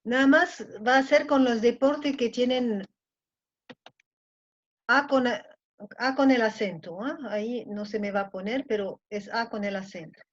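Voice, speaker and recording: A woman with a Mexican accent teaching a French class in Spanish, often checking that students follow. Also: a little high. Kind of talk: online class lecture. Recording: muffled lo-fi audio.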